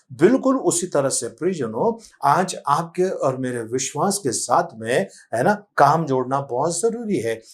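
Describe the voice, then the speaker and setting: A man's voice: on the high side, a little mellow. A man preaching a storytelling sermon as pastor, often calling out to the congregation. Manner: storytelling sermon, repeatedly addressing the congregation as beloved.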